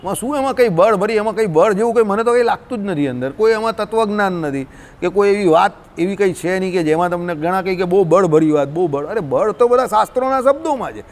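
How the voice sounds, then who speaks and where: A man's voice: high voice, quick pace. A man, teaching scripture in a scolding, colloquial way, full of rhetorical questions. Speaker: religious teacher. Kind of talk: scriptural discourse.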